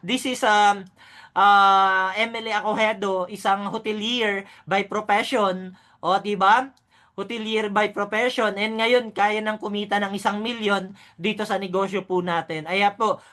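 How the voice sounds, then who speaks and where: A woman's voice: medium pitch, a bit bright. A woman presenting a business orientation, upbeat and hyped, often asking her audience "di ba?". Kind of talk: sales presentation.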